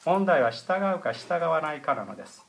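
A middle-aged man preaching a sermon as pastor, explaining in a measured way with frequent hesitation fillers. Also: a little high, animated, gravelly.

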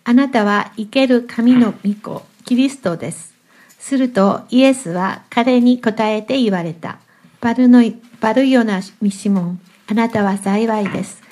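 A woman's voice: on the high side, measured pace, a little mellow, low-quality recording. A woman from the congregation reading a Bible passage aloud, with care and a small slip. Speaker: congregation member reading scripture.

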